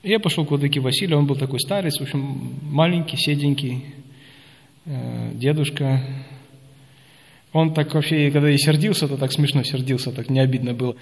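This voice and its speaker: A middle-pitched man in his fifties from Russia, an Orthodox priest, talks through his memories in an interview. He rambles from anecdote to anecdote and pauses often on hesitant filler sounds. His voice rings out with a long reverb tail, as in a large hall. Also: vocal fry. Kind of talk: interview storytelling.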